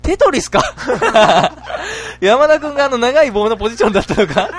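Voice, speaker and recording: A man's voice: very high-pitched, big pitch swings, moderate pace, pitched above the performer's own voice, full character voice. A man reading out a part as a male schoolteacher who runs a playground game, bossy, then confused. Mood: teacherly.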